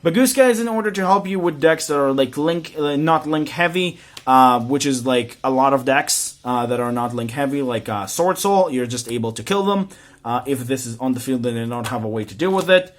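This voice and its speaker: A young man casually walking viewers through a card game deck, rambling with lots of "like" and "uh" fillers and sudden jumps in pitch and loudness. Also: animated, a little fast. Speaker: card game content creator. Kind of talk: casual explanatory walkthrough.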